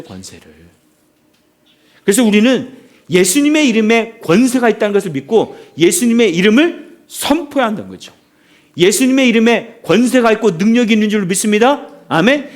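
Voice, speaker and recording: A man preaching a sermon as a pastor, telling stories with animation and throwing questions out to the congregation. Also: high-pitched.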